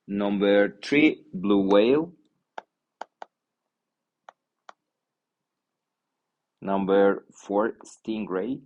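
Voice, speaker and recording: Man teaching English in slow drills. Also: medium pitch, a little mellow. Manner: mixes Spanish and English, slow deliberate vocabulary drills. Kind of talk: online class lecture.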